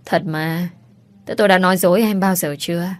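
A woman's voice: fairly low pitch, steady tone, brisk, no room sound, close to an everyday voice. Woman reading as a tender young husband.

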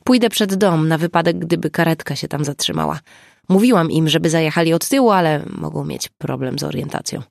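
Brief: narrator as a matter-of-fact woman, fast, slightly gravelly. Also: medium pitch, dry recording, clean studio sound, natural voice. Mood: brisk. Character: brisk, practical woman.

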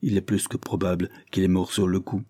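A man's voice: sits low, little pitch movement, brisk, mellow, no room sound, studio quality. A man voicing a middle-aged doctor in a Victorian audiobook, firm and pressing. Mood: grave. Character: grave, urgent middle-aged male doctor.

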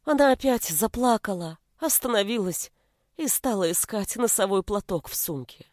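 A woman narrating a story aloud with an expressive reading. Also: medium pitch, moderate pace, no echo, studio quality.

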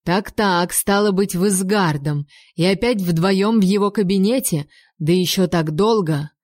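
A woman's voice: mid-range voice, a little slow, a little mellow, dry recording, clean studio sound, close to an everyday voice. A woman reading as a jealous, icy king. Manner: icy, mocking, commanding. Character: jealous, cold-tempered male king. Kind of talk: audiobook reading.

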